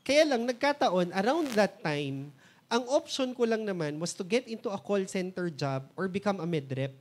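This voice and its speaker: A man's voice: high voice, lively intonation, normal speed. Filipino man telling a story, mixing Tagalog and English. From Philippines. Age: 30s. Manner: storytelling, switches between Tagalog and English, acts out remembered dialogue. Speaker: mentor and motivational speaker. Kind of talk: personal success story talk.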